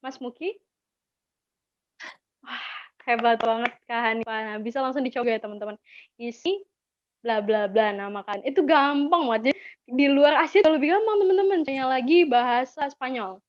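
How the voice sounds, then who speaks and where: At a moderate pace with frequent pauses, the high-voiced Indonesian-accented instructor chats through an informal language lesson, encouraging learners and repeating key vocabulary. There's no echo, though the webinar audio is dull and lo-fi.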